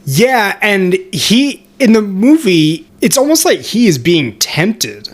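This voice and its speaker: A man's voice: sits high, very animated. Joking male podcast co-host. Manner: chatty, quick asides and joking interjections. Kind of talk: casual chat.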